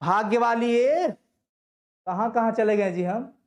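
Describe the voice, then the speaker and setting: A man's voice: extremely high pitch, slow pace. A young man teaching a Hindi story in an online class, repeating his own questions and answering them, reassuring students as he goes. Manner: reassuring, coaxing students to listen.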